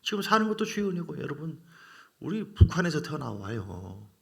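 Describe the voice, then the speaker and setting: Male pastor, lively preaching voice, gravelly texture, acts out voices, asks congregation questions. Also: a little high, fairly quick. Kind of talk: Wednesday evening sermon.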